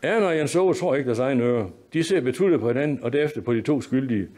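A man's voice: mid-range voice, a little mellow. A man reading a humorous story aloud at a lecture, narrating in a dry, wry way.

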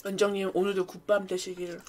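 A woman's voice: mid-range voice, flat delivery, a little fast, darkish tone, a little hiss or hum. A young woman chatting casually with viewers as a streamer, talking between bites of food. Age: young adult. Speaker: mukbang streamer and host. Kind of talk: casual chat with viewers while eating. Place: small furnished room at home, indoors. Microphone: studio microphone on a boom arm.

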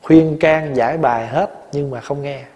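Man, 40s, Southern Vietnamese accent, monk's dharma talk, fairly high voice, long hall reverb. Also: moderate pace. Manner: lively storytelling, often laughing. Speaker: Buddhist monk and abbot.

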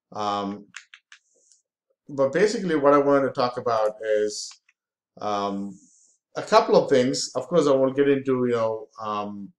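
A man's voice: mid-range voice, reverberant. A man in his forties, from India, giving a casual, filler-heavy screen-share tutorial on online marketing.

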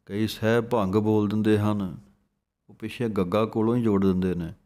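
In a slow recitation lesson, a Punjabi-accented man with a low, mellow, steady voice at normal speed models precise scripture pronunciation. He splits words into syllables before explaining them.

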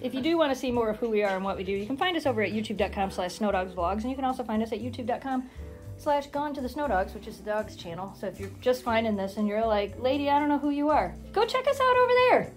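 A woman's voice: on the high side, fast, soft background music. Chatty woman vlogging in her kitchen. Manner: chatty and playful, lively rising questions. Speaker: vlogger filming at home. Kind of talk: casual chat to camera. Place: home kitchen.

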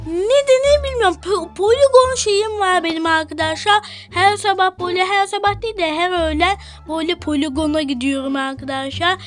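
A woman's voice: very high voice, fairly quick, few pauses, faint music behind. A young woman narrating a playful Minecraft role-play vlog, chatty and always addressing her viewers.

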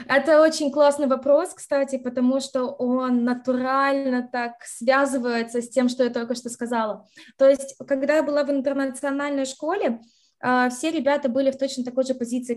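This young adult from Russia, a university graduate, joins an interview by video call from a bright room at home. Her voice sits high, and she tells lively stories, acting out quotes and slipping in English words.

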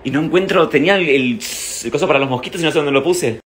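Filming himself on a phone at home, mostly in the kitchen, a man in his thirties with an Argentine accent chats casually with followers in a dramatic, exclamatory style and repeats himself often. His voice is slightly high, fairly bright, and quick, and the sound is roomy. The handheld recording is noisy, with the phone at varying short distances.

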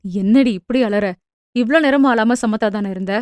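A woman voicing a young army officer husband, tender but firm, speaking softly and gently. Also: level tone, normal speed, no echo, lightly acted. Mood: teasing. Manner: soft, low and gentle, teasing at times.

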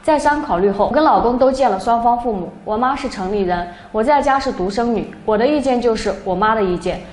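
A young woman narrating a first-person story in a plain, steady way. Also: a little high, fast talker. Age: young adult. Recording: echoey room, faint background noise.

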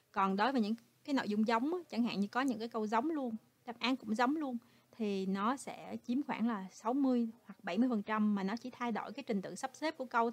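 A Vietnamese-speaking woman teaches English, patiently working through an exam one question at a time. Her voice sits a little high. It is recorded close and dry, with no room sound. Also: a little mellow, dry recording. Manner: patient, explains step by step, ends phrases with "ha". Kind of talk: exam walkthrough lesson.

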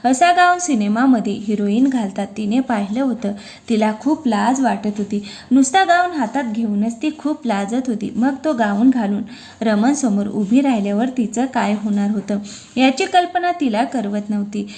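A woman reading a romantic story aloud in a gentle, expressive narration. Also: on the high side, normal speed.

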